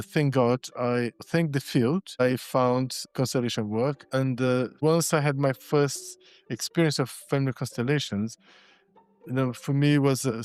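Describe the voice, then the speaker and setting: A man's voice: medium pitch, a little mellow. A man, a podcast guest telling his story reflectively, often restarting and repeating words. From Brazil. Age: 60s. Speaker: guest, constellations facilitator and shiatsu practitioner. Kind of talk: casual podcast interview.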